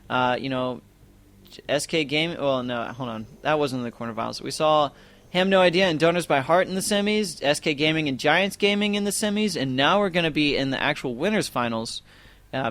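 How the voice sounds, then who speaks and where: A man's voice: fairly high pitch, a little fast, fairly bright tone. Chatty young male esports caster. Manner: chatty, rambling, lots of fillers and self-corrections. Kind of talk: casual live game commentary.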